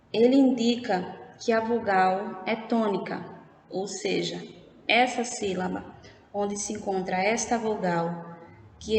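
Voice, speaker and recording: A Brazilian woman teacher giving a recorded remote lesson, explaining slowly and patiently and often checking in with her pupils. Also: medium pitch, a little mellow. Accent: Brazilian Portuguese. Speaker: primary school teacher. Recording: echoey room with faint background noise.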